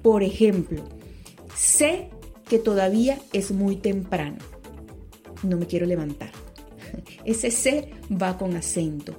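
A woman explaining grammar rules in a spoken lesson, slowing down on key points and correcting herself as she goes. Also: medium pitch, lively intonation, warm tone, faint music behind. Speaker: teacher.

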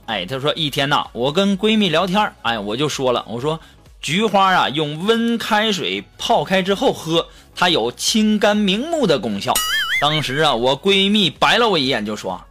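A man hosting a show, reading listener jokes in a lively, teasing comic way. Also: on the high side, normal speed. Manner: lively, teasing, acts out quotes. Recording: music playing behind.

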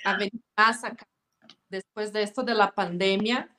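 A woman's voice: mid-range voice, steady tone, moderate pace, sharp tone, a little hiss or hum. Brazilian guest, a woman with a mid-range voice, easygoing. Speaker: guest, former model and influencer. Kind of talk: casual interview chat.

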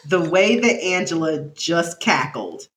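A woman's voice: on the low side, unhurried, noisy background. A woman co-hosting a podcast in casual chat, laughing often and teasing her co-host. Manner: laughs a lot, animated and teasing.

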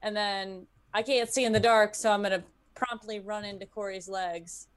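A woman's voice: mid-range voice, fairly even intonation, normal speed, clear, resonant tone. A brash, sweary woman chatting and joking casually as a player in a tabletop game.

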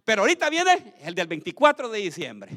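A male pastor preaching a sermon, swinging from quiet asides to shouted outbursts and acted-out voices. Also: sits high, huge pitch swings, fairly quick, long reverb tail.

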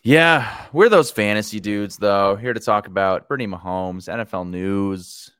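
A man's voice: on the low side, moderate pace, a bit bright, clear, resonant tone. A man hosting a casual podcast, joking and steering the segments. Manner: joking, playful, runs the show segments. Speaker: podcast host.

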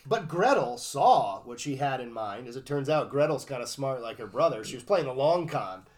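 A man's voice: mid-range voice, expressive, normal speed. A man hosting a podcast, reading a fairy tale aloud and breaking in with joking asides. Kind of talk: casual storytelling with banter.

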